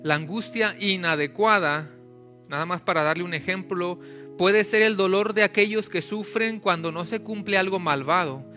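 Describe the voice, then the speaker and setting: Male pastor, sermon delivery, high and bright, soft music under him. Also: moderate pace. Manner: rhetorical questions, repetitive preaching cadence.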